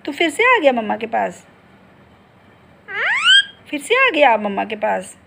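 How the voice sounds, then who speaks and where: A middle-aged home vlogger coos baby talk to her pet bird and chats casually with viewers from her bedroom and kitchen. Her voice is fairly high, animated, a little slow and creaky, with a noisy background.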